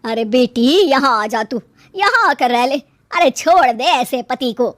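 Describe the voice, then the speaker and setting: A woman's voice: high-pitched, animated, unhurried, no room sound. Woman voicing a weary older mother. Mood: consoling. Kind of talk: storybook cartoon voice acting.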